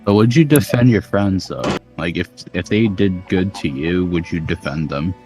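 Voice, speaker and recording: Young man, very low voice, podcast host, crude rambling chat full of fillers, faint music underneath. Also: moderate pace. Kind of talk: casual chat.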